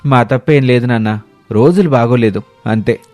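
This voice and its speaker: A man's voice: medium pitch, moderate pace, dry recording, faint music behind, natural voice. A man doing lazy, whiny grown sons. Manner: complaining and loud. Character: lazy young adult sons, sleepy and whiny.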